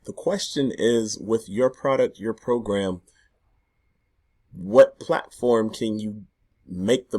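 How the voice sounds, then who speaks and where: Speaking straight to camera from his home garage, an affiliate marketing vlogger in his thirties talks casually in a very low, hoarse, darkish voice. He's chatty and loose, often cutting himself off and restarting his sentences.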